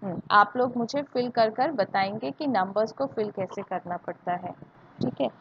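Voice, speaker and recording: A woman's voice: fairly high pitch, normal speed. A woman with an Indian accent teaching a maths class online, repeating each point and asking students questions to check they follow. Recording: dull lo-fi audio with faint hiss.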